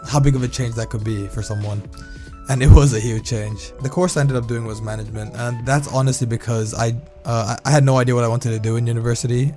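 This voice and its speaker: A young man from Thailand telling a candid personal story in a relaxed, casual way while playing a game. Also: medium pitch. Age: young adult. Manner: relaxed, candid, conversational, reacts loudly during gameplay. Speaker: vlogger. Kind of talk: casual storytime narration over gameplay.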